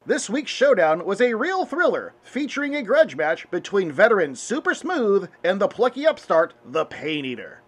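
A dry, matter-of-fact puppet news anchor, voiced by a man. His voice is high and animated, rising and falling through deadpan lines. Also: moderate pace, few pauses, husky, exaggerated voice. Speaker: host. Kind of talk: comedic spoof news.

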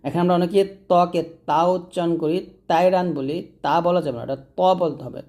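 A man teaching Quran recitation, spelling out letters and vowel marks and then chanting each verse slowly, with a Bangladeshi Bengali accent. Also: on the high side, darkish tone. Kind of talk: spoken lesson with slow chanted recitation.

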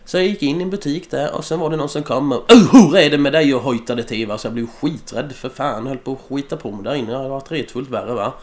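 A man's voice: mid-range voice, few pauses. A man delivering a crude, rambling, absurd comic monologue, tagging his lines with a filler word.

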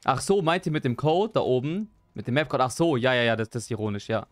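A young man chatting live while he plays a game, excitable, repeating his exclamations and joking at his own expense. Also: mid-range voice, fast, dry recording, soft background music. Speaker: gaming streamer. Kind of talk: live gameplay stream chat.

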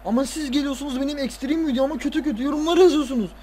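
A man's voice: very high-pitched, racing, a little hiss or hum. Tired man ranting over a football game. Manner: swears and rants at players, excitable outbursts. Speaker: gaming video creator. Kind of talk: casual football game commentary.

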